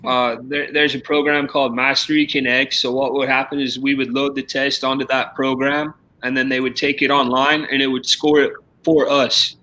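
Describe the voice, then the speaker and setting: A man's voice: medium pitch, level tone, normal speed, hardly any pauses, sharp tone, rough recording. A man who is a teacher, explaining online testing in casual chat on a live stream. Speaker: teacher guest.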